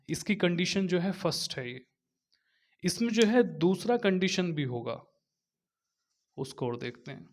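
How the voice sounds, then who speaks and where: A man teaching an exam-prep lesson, speaking slowly and repeating phrases while he dictates notes. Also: a little high. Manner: slow and repetitive, dictating notes while writing; explains step by step, with frequent fillers.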